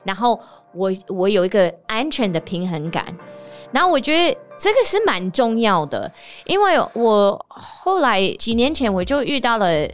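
A woman from the United States, a native English speaker, hosting a casual podcast monologue, telling stories in an animated way and laughing often. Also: medium pitch, normal speed, faint music behind. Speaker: podcast host; teacher and performer.

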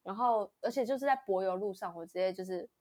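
A woman's voice: medium pitch, fast talker, darkish tone. A young woman co-hosting a casual chat, telling a story animatedly, often laughing and acting out the voices of people in it. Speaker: podcast co-host.

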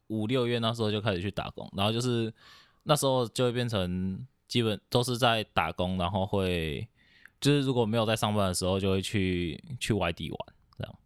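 Young guy from taiwan, lowish voice, dry close sound, keeps restarting his sentences. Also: clear, resonant tone, no room sound. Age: young adult. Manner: hesitant, many restarts and fillers, soft laughs. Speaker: podcast guest. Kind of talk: casual chat.

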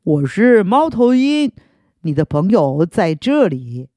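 A woman voicing a wise, slightly boastful old male owl with a raspy voice. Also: mid-range voice, sing-song, slow, dark tone, no room sound, clean studio sound. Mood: kindly knowing.

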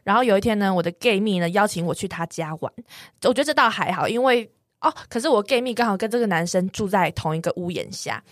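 A woman in her twenties, co-hosting a podcast, tells a personal story in a casual, animated way and acts out the knocks and quoted lines. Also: medium pitch, fast talker, dry recording, clean studio sound. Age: 20s. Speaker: podcast co-host.

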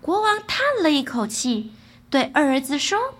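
A woman narrating a children's bedtime fairy tale in a lively, expressive way. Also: sits high, moderate pace. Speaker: storyteller.

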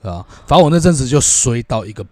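Fast-talking man telling a story, dry sound. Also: medium pitch, very animated, dark tone, no room sound. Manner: swears casually, lots of filler agreement. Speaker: podcast co-host. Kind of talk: casual storytelling chat.

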